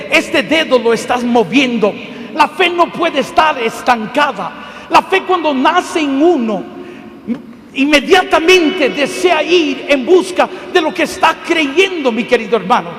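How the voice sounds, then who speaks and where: A man's voice: very high-pitched, fairly bright tone. A man preaching a sermon, telling a testimony with emphatic delivery and repeated calls of "my dear brother". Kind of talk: storytelling sermon. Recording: long reverb of a large hall.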